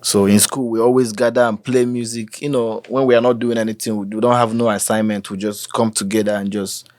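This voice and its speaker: Fairly quick and fairly low in pitch, the voice belongs to a young Nigerian musician with a Nigerian accent chatting as a guest in an interview. He stays relaxed, lapses into Pidgin, and says "you know" many times, all in studio quality without echo.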